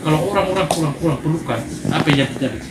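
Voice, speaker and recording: Man, sermon, animated storyteller, calls for amen, raised pitch, roomy echo. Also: rapid-fire. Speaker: preacher at a men's gathering. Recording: echoey room with background noise.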